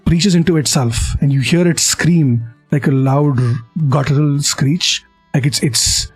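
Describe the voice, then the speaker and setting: A husky, fairly high-voiced man narrates as game master over a dropping online call. His words stall and repeat, and the choppy audio keeps cutting out. A faint trace of music sits underneath. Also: fairly even intonation. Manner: halting, repeats words while describing. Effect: choppy online call audio that cuts out.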